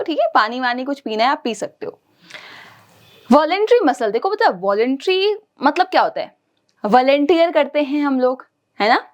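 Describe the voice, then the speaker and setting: A woman teaching a science lesson to young children. She asks the class questions and answers them herself, checks in with them often, and clears her throat now and then. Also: sits high. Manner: frequent check-ins to the class.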